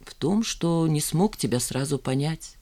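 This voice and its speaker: Jealous, gruff young fiancé, gloomy and reproachful, read by a woman narrator for an audiobook. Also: low-pitched, expressive, measured pace, warm tone. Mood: tender. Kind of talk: audiobook dialogue reading.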